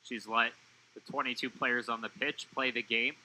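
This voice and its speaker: A man giving color commentary on a college soccer match, measured with a dry wit. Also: mid-range voice, fairly even intonation, sharp tone, poor audio. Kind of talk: analytical sports commentary.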